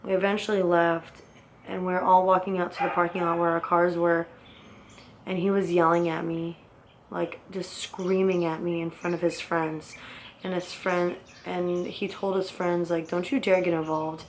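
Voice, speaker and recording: A woman's voice: lowish voice, level tone, moderate pace, slight background noise. A young woman casually telling her own story in a rambling, blunt way, swearing often.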